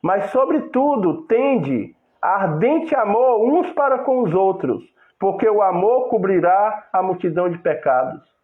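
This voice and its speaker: A man preaching a sermon in a steady, instructive way. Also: high-pitched. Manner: preachy, acts out couple's quarrels in quoted voices. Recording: echoey room over a tinny phone-like line.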